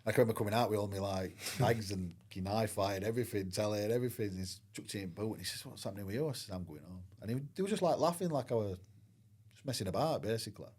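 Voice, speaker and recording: With a lowish, darkish voice and a breathy edge, this middle-aged former footballer talks fast. As an interview guest he recounts his story candidly and rambles, leaning on "I says" and "like."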